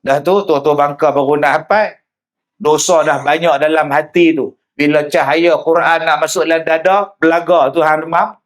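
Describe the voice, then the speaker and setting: Male preacher, high voice, humorous storytelling sermon. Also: normal speed. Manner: lively storytelling with humor, addresses the audience directly. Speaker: religious preacher. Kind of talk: public sermon.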